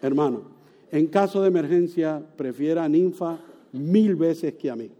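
A man preaching a sermon, telling a story with animated, sometimes loud exclamations and soft, hushed moments. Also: fairly high pitch, unhurried. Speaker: pastor.

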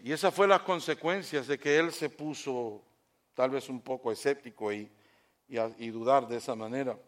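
A male pastor preaching a sermon in church, swinging from shouted lines down to quiet, hushed stretches and asking the congregation questions. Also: medium pitch.

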